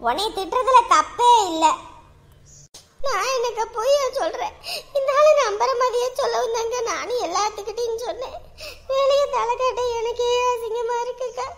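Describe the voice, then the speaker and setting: Tearful mother with a very high, thin voice, pleading and defensive, played by a woman. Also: a bit bright. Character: distraught middle-aged mother, tearful and defensive. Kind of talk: family drama acting.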